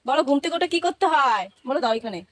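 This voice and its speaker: A woman's voice: sits high, expressive, quick pace, no echo. A woman hosting a casual family vlog, coaxing a small child in a sing-song way. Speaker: family vlogger.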